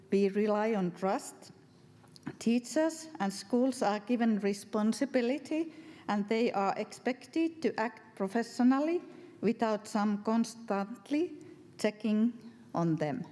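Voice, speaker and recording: A woman with a Finnish accent gives a formal prepared presentation in careful, measured non-native English. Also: mid-range voice, lively intonation, warm tone. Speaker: education official and professor giving a presentation. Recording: reverberant hall.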